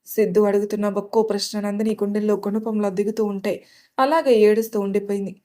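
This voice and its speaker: Woman narrating a story in a mellow voice. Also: medium pitch, level tone, fast talker.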